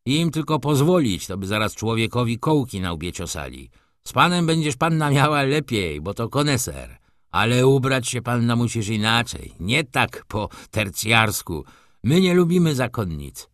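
A man's voice: medium pitch, sing-song, normal speed, fairly bright tone, no room sound, clean studio sound. A man voicing a smug, self-important valet who gives orders in a condescending tone. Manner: commanding, condescending.

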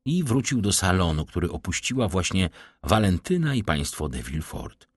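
Deep-voiced man narrating an audiobook. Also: moderate pace, slightly rough, no echo, clean studio sound. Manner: expressive, varied reading. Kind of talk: classic novel audiobook narration.

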